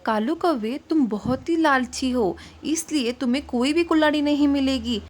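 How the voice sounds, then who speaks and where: A motherly river goddess from a cartoon tale, voiced by a woman, kind but firm. She speaks in a high, calm and commanding way. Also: normal speed, close to an everyday voice. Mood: stern. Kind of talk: cartoon voice acting.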